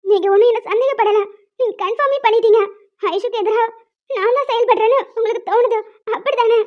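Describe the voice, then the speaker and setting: A woman's voice: very high-pitched, fast talker. A woman voicing a young village woman who pleads and cries when she is accused. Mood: tearful. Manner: pleading, tearful. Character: young village woman Kaviya, tearful, hurt. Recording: muffled lo-fi sound.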